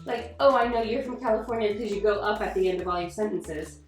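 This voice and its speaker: A woman's voice: mid-range voice, quick pace. A woman hosting a casual chat in an upbeat, playful manner. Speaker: host. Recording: roomy sound from a distant mic with faint music.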